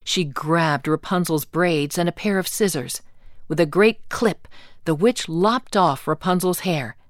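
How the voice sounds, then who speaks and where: Slow, calm woman reading a fairy tale. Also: on the low side, no echo, clean studio sound. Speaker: storyteller. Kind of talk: scripted storybook narration.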